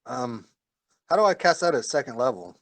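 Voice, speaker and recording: A man's voice: mid-range voice, sing-song, moderate pace, creaky, crowd noise. A man playing a tabletop game, hesitantly checking the rules before acting. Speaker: player. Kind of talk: tabletop role-play.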